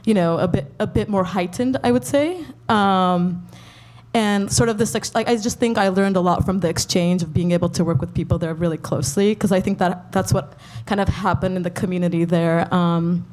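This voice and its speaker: A woman's voice: fairly low pitch, moderate pace, a little mellow. A young woman in casual conversation, speaking hesitantly with many "like"s and "um"s. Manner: hesitant, lots of "like" and "um". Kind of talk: casual chat.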